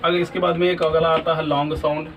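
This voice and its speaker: Male teacher, high voice, quizzing style, slightly distant mic with light background hiss. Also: little pitch movement, fast, fairly bright tone. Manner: asks questions then answers them himself; repeats "ठीक है ना?" often. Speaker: English teacher. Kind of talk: classroom lesson.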